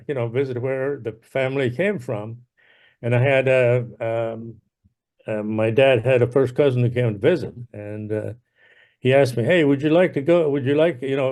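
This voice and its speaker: An older man from Ireland, telling his life story in an interview, unhurried, with many fillers and restarts. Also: mid-range voice, darkish tone. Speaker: interviewee, veteran. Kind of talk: casual oral history interview.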